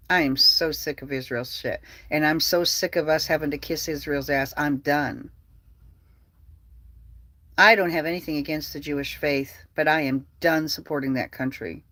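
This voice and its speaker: A heated political vlogger rants in a profane, repetitive way, circling back to the same complaints again and again. The voice sits at a middle pitch and sounds dry and close. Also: steady tone, moderate pace, bright, forceful tone, dry recording. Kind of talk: angry political rant.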